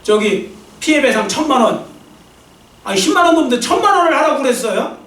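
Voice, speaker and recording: A man voicing a stern but loving male judge who scolds his son gruffly. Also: extremely high pitch, big pitch swings, a little fast, fairly bright tone, exaggerated voice. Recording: echoey church sound from a distant mic.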